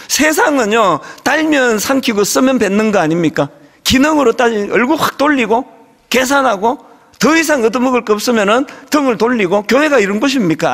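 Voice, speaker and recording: A middle-aged male pastor with a very high, sing-song voice tells funny stories mid-sermon in a chatty tone. His words ring out with a long reverb from a big church sanctuary. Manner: conversational storytelling, humorous and animated. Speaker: senior pastor.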